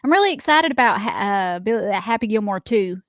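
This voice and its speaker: A woman's voice: mid-range voice, animated, brisk, no room sound, clean studio sound. A woman co-hosting a radio show with casual, playful, opinionated banter. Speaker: morning radio co-host. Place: radio studio.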